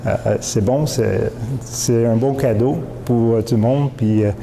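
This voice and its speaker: Casual Quebec French founder's pitch, loose and filler-heavy, warm mellow voice, echoey hall. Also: male voice, steady tone, unhurried, vocal fry, a little hiss or hum. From Montreal, Quebec. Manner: informal pitch with many fillers and restarts, mixing English terms. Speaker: company founder. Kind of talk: spoken product pitch. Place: event hall. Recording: echoey hall with faint ambience.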